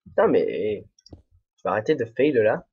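Young man, let's play host, rambling self-talk, husky voice, dull muffled home recording. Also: fairly low pitch, big pitch swings, normal speed, a little mellow. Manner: rambling, self-mocking, talks to himself. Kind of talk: casual solo gameplay commentary. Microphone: desk microphone, no headphones.

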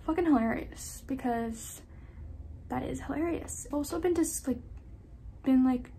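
A young woman talks through her routine in a loose, rambling way, with a slight lisp and the odd casual swear. Her voice sits a little high. A faint hiss runs under the home recording. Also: unhurried, dark tone, poor audio. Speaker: vlogger. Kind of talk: casual get-ready-with-me chat. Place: at home, indoors.

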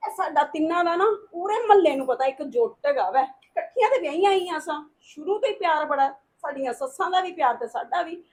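A woman plays a resentful neighbor in a family drama, speaking bitterly and reproachfully. Her voice is high. A faint hiss sits behind her. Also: animated, a little fast, hardly any pauses, a little mellow. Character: resentful married neighbor, feeling snubbed. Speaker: neighbor married fifteen years. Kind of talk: domestic drama acting.

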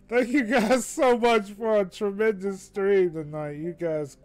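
A woman streaming a level-building platform game, commenting live in an excitable, joking way and laughing often. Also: mid-range voice, slow pace.

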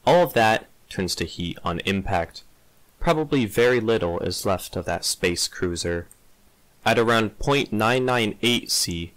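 A man giving a dramatic reading of mock-scientific text in a theatrical, measured way, with emphatic pauses. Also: fairly low pitch, a bit bright, no echo, low-quality recording. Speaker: reader of a humorous text.

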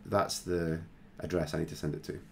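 A man hosting a screen-recorded software tutorial, talking casually and thinking aloud with plenty of fillers. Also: deep voice, steady tone, brisk, creaky, slight background noise. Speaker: tutorial host.

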